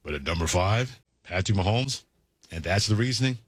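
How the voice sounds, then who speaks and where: A man co-hosting a sports talk radio show, with a smooth radio host delivery into a studio microphone. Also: fairly low pitch, expressive, normal speed.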